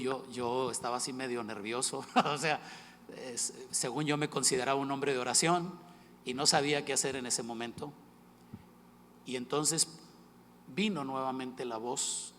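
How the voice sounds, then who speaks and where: A middle-aged man preaching a sermon, telling a personal story that shifts from hushed retelling to loud, emphatic bursts. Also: medium pitch, slight background noise. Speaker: pastor. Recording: echoey hall with faint ambience.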